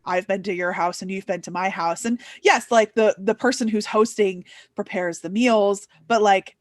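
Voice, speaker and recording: A woman's voice: medium pitch, moderate pace, no room sound, studio quality. A young woman hosting a casual book chat, talking with lots of fillers and putting on playful voices when quoting. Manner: chatty, many "like" fillers, playful quoted voices. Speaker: booktuber host.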